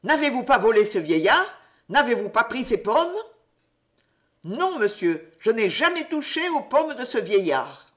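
A woman's voice: on the high side, big pitch swings, measured pace, fairly bright tone, pitched above the performer's own voice. A woman voicing a solemn male headmaster who scolds a pupil in a reproachful tone. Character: grave disappointed male headmaster.

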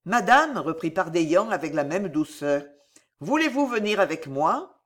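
An audiobook reader voicing a bold chevalier who talks in a gruff, defiant way. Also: medium pitch, big pitch swings, measured pace. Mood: gentle. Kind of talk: audiobook character voice.

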